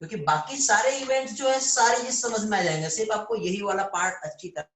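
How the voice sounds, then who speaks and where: A man's voice: sits high, fast, a bit bright, echoey room. A man teaching biology in a live online lecture, calling students "beta" and often checking whether they understand.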